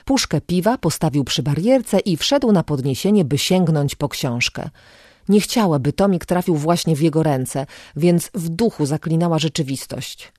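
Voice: mid-range voice, lively intonation, moderate pace, darkish tone, dry recording. Dry-voiced audiobook narrator. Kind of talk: scripted narration of a novel.

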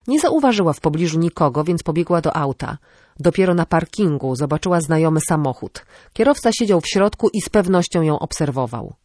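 A woman narrating an audiobook in a steady storytelling way. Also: low-pitched, no room sound, clean studio sound. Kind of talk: scripted narration.

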